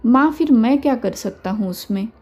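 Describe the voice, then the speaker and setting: A woman's voice: fairly high pitch, animated, normal speed. A woman voicing a grown son who talks in an impatient, dismissive, complaining way. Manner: curt, complaining.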